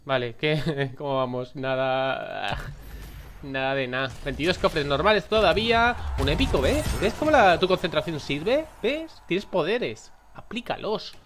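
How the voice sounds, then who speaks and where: A man with a Spain accent giving playful, casual commentary as he opens game loot chests, coaxing the viewer to concentrate and bursting out excitedly. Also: on the high side, unhurried, a little hiss or hum. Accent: Spanish from Spain. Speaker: gaming content creator.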